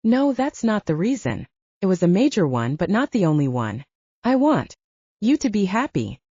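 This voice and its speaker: A woman narrator voicing a calm older sister who coaxes and gently teases. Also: mid-range voice, moderate pace, slightly rough, no room sound, highs cut off. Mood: earnest. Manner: coaxing, gently teasing. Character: soothing, wry older sister.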